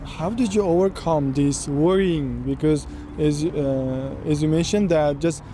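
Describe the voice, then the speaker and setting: A man's voice: fairly high pitch, unhurried, noisy background. A man in his twenties asks people questions in an outdoor street interview, curious and eager. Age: 20s. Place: outdoors in a city.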